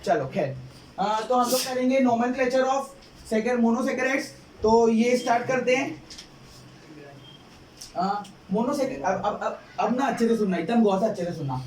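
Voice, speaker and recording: A man's voice: very high voice, measured pace, darkish tone, a little hiss or hum. A male chemistry teacher lecturing a class, repeating points and quizzing students with questions. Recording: echoey classroom, distant mic, student chatter.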